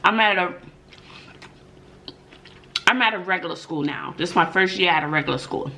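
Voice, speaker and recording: A woman's voice: fairly low pitch, normal speed, pushed and bright, slight background noise. A middle-aged woman telling stories and opinions casually to viewers, emphatic, with rhetorical questions and frequent mm-mm interjections. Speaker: mukbang vlogger and middle school teacher telling stories. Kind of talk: casual story time and opinion talk to viewers.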